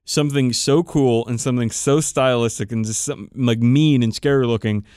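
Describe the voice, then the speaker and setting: Fairly quick and with fairly even intonation, this podcast co-host has a mid-range voice that's darkish yet clean in tone. He swears plenty while chatting casually and emphatically about his tabletop wargaming hobby, giving strong opinions. The sound is clean studio audio with no room sound.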